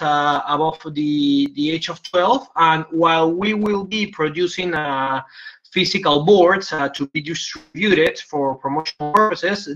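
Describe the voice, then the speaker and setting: A man's voice: on the high side, bright, forceful tone. A man presenting a project over a video call, speaking hesitantly with many fillers. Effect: heard over a video call. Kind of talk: presentation on a webinar. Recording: dull lo-fi video call audio.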